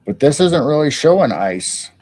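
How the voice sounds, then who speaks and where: A man hosting a casual live stream, thinking aloud in halting starts while studying something on his monitor. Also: on the high side, big pitch swings, darkish tone. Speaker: stream host.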